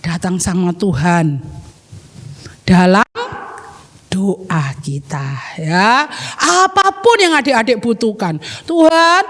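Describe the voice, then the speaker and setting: A young woman teaching a children's Sunday school Bible lesson in a lively, storytelling way, acting out small scenes for the children. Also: fairly low pitch, takes it slowly, long pauses. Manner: animated, acts out little scenes for children.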